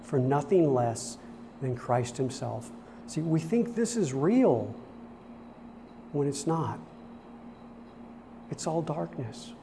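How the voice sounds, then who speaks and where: Earnest preacher guy, kinda high voice, says things twice to drive them home, slow and deliberate. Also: big pitch swings, vocal fry, dark tone, slight background noise. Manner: earnest, repeats phrases for emphasis. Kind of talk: sermon.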